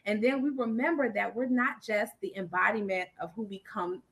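A woman's voice: mid-range voice, moderate pace, fairly bright tone. Earnest woman guest on a panel. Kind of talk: casual panel discussion.

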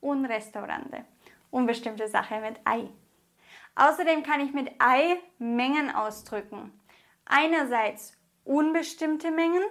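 A woman from Germany, a Spanish teacher, explaining grammar in a slow, carefully enunciated way. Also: high voice, a bit bright. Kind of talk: grammar lesson.

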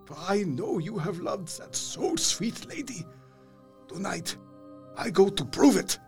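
A man playing a grave, earnest older professor and vampire hunter in an audio drama, with creaky voice, quaint foreign phrasing and dramatic delivery. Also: high voice, very animated, takes it slowly, a little mellow, faint music behind, exaggerated voice. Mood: pained, tender.

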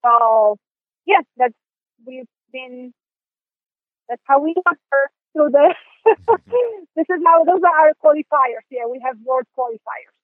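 A woman from Poland with a Polish accent, speaking as an interview guest in halting sentences full of restarts and fillers. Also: sits high, no echo. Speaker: guest, dog sport competitor. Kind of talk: interview conversation. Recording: tinny phone line.

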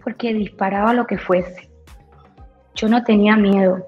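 A woman radio announcer telling her story in an interview, bold and lively, acting out the voices of people she quotes. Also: medium pitch, unhurried. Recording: roomy echo, dull lo-fi sound, faint music.

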